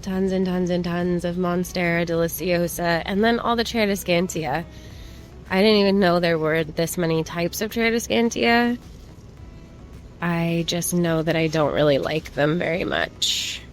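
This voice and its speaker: A woman with a slightly low voice talks at a slow, unhurried pace, as in a casual shopping haul vlog. She rambles informally to her viewers, remarking on things as she browses. Music plays softly behind her. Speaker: plant shopping vlogger. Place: plant shop.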